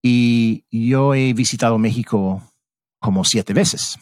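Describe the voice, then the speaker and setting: In a casual interview chat, a middle-aged podcast guest from Mississippi, USA, speaks with an American English accent, reflectively searching for words in his second language. His mid-range voice is slow and darkish in tone, recorded at studio quality with no echo.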